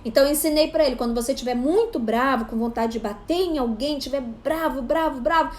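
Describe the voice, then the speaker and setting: A woman in her thirties, a psychopedagogue, giving casual parenting advice to camera in an animated way. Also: sits high, quick pace, slight background noise. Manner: animated, acts out parent and child voices. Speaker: psychopedagogue and parenting channel host.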